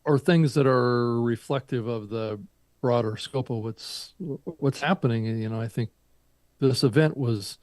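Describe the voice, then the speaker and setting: A man co-hosting a live podcast, talking in a measured way and reasoning things out. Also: medium pitch, a little mellow, no room sound, clean studio sound. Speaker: podcast co-host.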